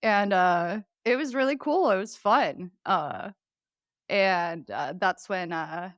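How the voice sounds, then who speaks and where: This is a studio-quality recording with no room sound of a woman guesting on a podcast. She was born in Poland and grew up in Chicago, which leaves a slight accent, and she chats casually and laughs a lot, speaking slowly in a mid-range voice.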